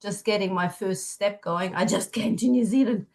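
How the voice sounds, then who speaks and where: Her voice is medium in pitch with a darkish tone, and she speaks at an ordinary pace with a German accent. This middle-aged family constellation facilitator is a guest on a podcast, telling personal stories in relaxed conversation.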